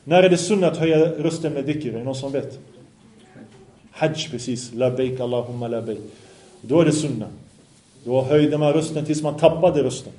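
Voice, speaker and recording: A man's voice: mid-range voice, mellow. A man giving an Islamic study lesson, reciting Arabic passages, translating and explaining them, and asking his listeners questions. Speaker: religious teacher. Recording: echoey room.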